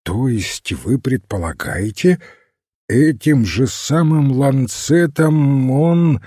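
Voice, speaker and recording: A man doing an excitable young gentleman. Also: mid-range voice, slow pace, husky, no echo, studio quality. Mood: eager. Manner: eager, agitated.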